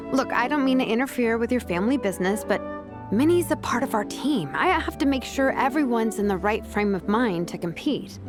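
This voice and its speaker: In a video game, an actress voices a confident vice captain and teacher who speaks casually, diplomatically and persuasively. Her fairly high female voice sounds tactful yet firm.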